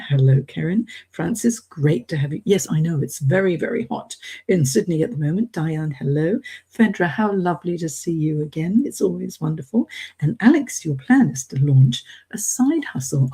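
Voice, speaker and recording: A middle-aged British expatriate in Hong Kong hosts an informal live-stream coaching session. She speaks to her audience directly and encouragingly. Her voice is lowish, dark and husky.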